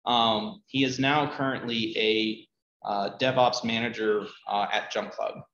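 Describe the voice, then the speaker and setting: A man speaking at a meetup, answering audience questions in a relaxed, hesitant way with many ums and uhs. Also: lowish voice, measured pace. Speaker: conference speaker. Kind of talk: conversational Q&A talk. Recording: roomy, dull, faint noise.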